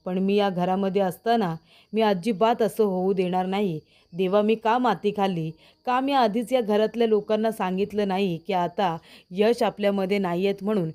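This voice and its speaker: A woman voicing a sharp, protective young woman who confronts a thief in the family. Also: mid-range voice, natural voice. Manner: sharp, accusing.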